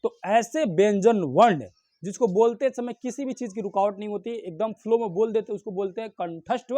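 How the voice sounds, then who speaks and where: High-voiced man teaching grammar. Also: mellow, no echo. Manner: explains step by step with repeated questions and answers; sounds out letters slowly. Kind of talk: online grammar class.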